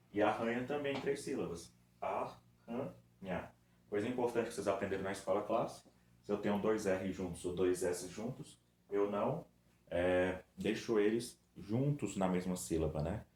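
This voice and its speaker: This recorded children's review lesson features a man with a Brazilian Portuguese accent who patiently drags out words syllable by syllable. His fairly low voice is a little mellow, and the room is echoey with faint background noise.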